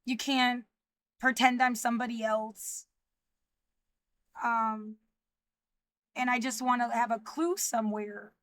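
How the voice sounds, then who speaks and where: A woman in her thirties speaking in a livestreamed personal monologue, anxious and rambling, halting with frequent restarts. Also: on the high side, fairly even intonation, fairly bright tone, no room sound. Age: 30s.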